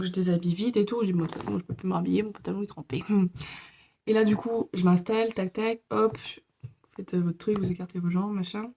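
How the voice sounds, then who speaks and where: A young woman tells her story in a loose, chatty way, filling her sentences with little pauses and asides. Her voice is warm and mellow, sitting at an ordinary middle pitch. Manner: chatty, many fillers, lively retelling with laughs. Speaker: vlogger. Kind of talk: casual storytelling.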